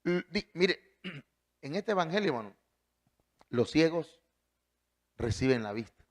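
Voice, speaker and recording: A man preaching a sermon, emphatic, with big swings in pitch and loudness. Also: very animated, unhurried.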